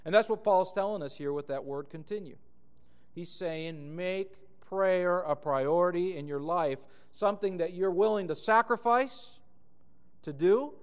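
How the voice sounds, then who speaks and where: A man from Argentina preaching a sermon as a pastor, earnest and emphatic, slowing down to read scripture aloud. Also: sits high, big-room sound.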